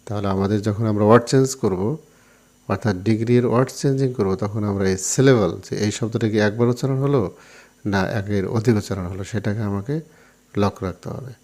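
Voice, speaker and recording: Male teacher, slightly low voice, quizzes himself then answers, calm classroom explaining. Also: brisk. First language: Bengali. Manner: explains step by step, repeats key terms, asks and answers his own questions. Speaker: English teacher. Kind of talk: classroom grammar lesson to viewers.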